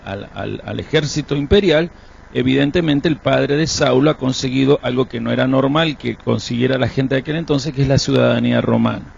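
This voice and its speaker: Guy teaching a bible class, gravelly and husky, kinda high voice, keeps asking "right?", dull lo-fi stream sound. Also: darkish tone. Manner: explanatory, checks understanding with rhetorical questions.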